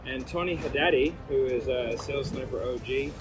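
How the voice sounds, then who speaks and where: A man's voice: medium pitch, moderate pace, over music. A man hosting a casual podcast, joking and bantering, often chiming in with short agreements. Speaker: podcast host. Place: seated in an ice bath at a retreat. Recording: clearly noisy ambient background.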